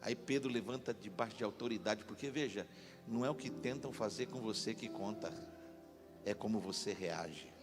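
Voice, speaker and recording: A man pastor preaching a lively sermon in a church, leading the congregation to repeat after him. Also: lowish voice, moderate pace. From Brazil. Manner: animated, call-and-response with congregation. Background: instrumental music.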